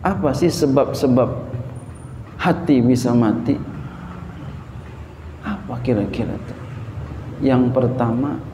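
A man's voice: mid-range voice, slow, long pauses, warm tone. A man preaching a sermon in a conversational way, quoting scripture and explaining it in plain terms. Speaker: Islamic preacher. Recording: long hall reverb with faint background noise.

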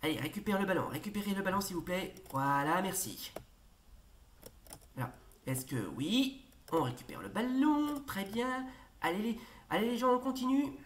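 A woman hosting a football video game let's play, commentating excitedly, shouting at the referee and hesitating often. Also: mid-range voice, normal speed. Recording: roomy echo, faint noise.

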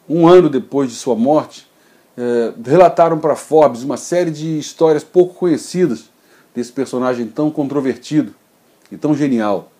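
A man's voice: medium pitch, warm tone. A man in his forties hosting a daily tech news video from his home office, talking informally and gesturing, recorded on a desk webcam.

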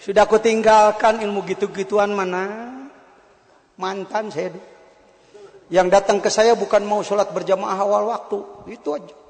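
A man preaching a sermon at a gathering, animated, moving between loud exclamations and soft asides. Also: high voice, normal speed. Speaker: Islamic preacher. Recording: long hall reverb.

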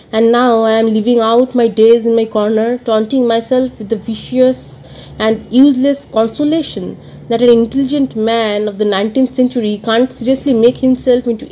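A woman reading a first-person novel aloud as an audiobook, expressive and dramatic, moving between rueful murmurs and emphatic outbursts. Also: on the high side, slight background noise, rough recording. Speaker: audiobook reader.

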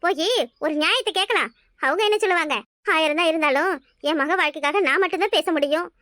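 A woman plays a sharp-tongued village mother in a cartoon, her voice very high and bright, firing off complaints at a rapid clip. She scolds in a Kanyakumari Tamil accent, and the recording is close and dry. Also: no room sound. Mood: indignant. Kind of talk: cartoon voice acting.

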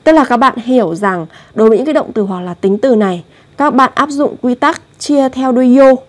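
A woman leads a language lesson in a slightly high voice. She explains grammar step by step and patiently repeats example words slowly. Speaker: Korean language teacher.

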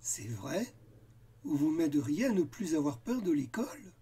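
A man voicing a shy, fearful monster in a cartoon story, speaking slowly in a low, gloomy voice. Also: big pitch swings, warm tone, husky, exaggerated voice. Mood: hopeful.

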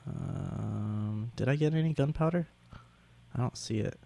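A young man giving halting, casual gameplay commentary, sounding sick with a sore throat and swollen tonsils. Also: medium pitch, gravelly, warm tone, slight background noise. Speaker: gaming video host.

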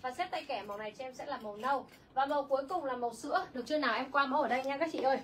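A woman's voice: sits high, racing, a bit bright, slight background noise. A young woman selling clothes on a livestream, chatty and reading viewer comments aloud. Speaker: online clothing seller. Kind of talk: livestream sales pitch.

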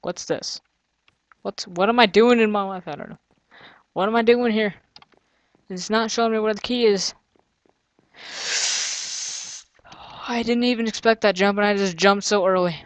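A chatty gamer talks through a custom game map in casual let's-play commentary, thinking aloud, grumbling and throwing in sarcastic jokes. The voice sits at an ordinary middle pitch. It is recorded dry and close, with no room sound at all. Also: no echo.

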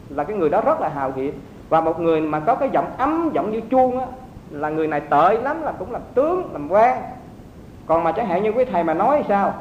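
A man with a high voice gives a dharma talk to a room of monks, telling stories and asking his listeners to follow along. His voice carries through a roomy, echoing hall. The recording is dull and lo-fi, with a faint rumble behind it. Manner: storytelling, asks listeners to check understanding. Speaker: Buddhist monk teacher.

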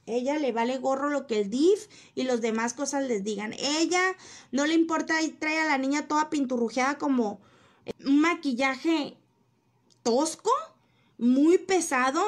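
A Mexican woman with a bright, high-pitched voice runs a loose, gossipy livestream from home. She talks straight into her phone, reading out comments and chatting with her viewers in a teasing, sometimes indignant manner. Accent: Mexican Spanish. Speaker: livestream host.

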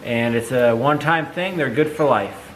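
A man co-hosting a casual farm vlog, explaining in a steady, matter-of-fact way, filmed in an open barn by a nearby camera. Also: medium pitch, moderate pace, slight background noise, poor audio. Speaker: dairy farmer, co-host. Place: open-sided barn outdoors.

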